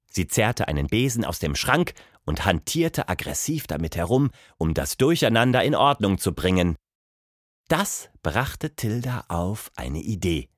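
Expressive male storybook narrator. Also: sits low, no echo, studio quality. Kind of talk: children's audiobook narration.

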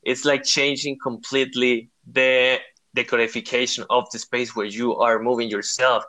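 A man's voice: mid-range voice, flat delivery, moderate pace, pushed and bright. A young man from Rica, answering interview questions in an earnest, searching way, full of fillers and restarts. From Costa Rica. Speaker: guest. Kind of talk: interview conversation.

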